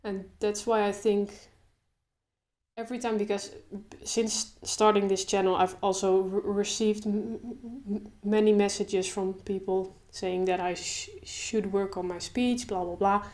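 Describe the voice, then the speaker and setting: Open stuttering, with repeated sounds and pauses, marks the start of this young woman's casual talk to the camera. A video creator with a medium-pitched voice, she gradually shifts into a relaxed, slow delivery.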